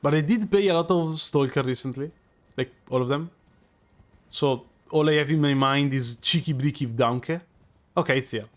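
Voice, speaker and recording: A streamer from Italy with a strong Italian accent thinks aloud over live gameplay, using many fillers and restarts. His voice sits on the high side, at a moderate pace.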